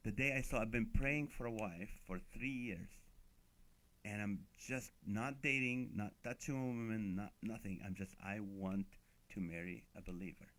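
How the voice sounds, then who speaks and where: A middle-aged man spins comic stories in an animated, punchy way. He slips into quick voices for the people in his tales. His tone is bright and forceful, and he sits a little low in pitch. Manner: animated comic storytelling, acts out quoted voices. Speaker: guest comedian. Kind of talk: storytelling on a talk show.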